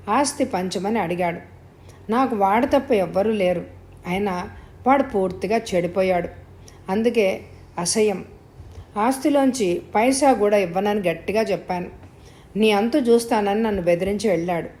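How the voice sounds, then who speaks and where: A woman's voice: medium pitch, a little mellow, close to an everyday voice. A woman voicing an older wealthy lady, earnest.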